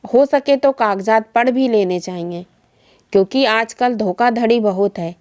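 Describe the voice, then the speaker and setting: A woman's voice: on the high side, measured pace, darkish tone. A woman telling a family moral story in the first person, in an earnest and reflective reading.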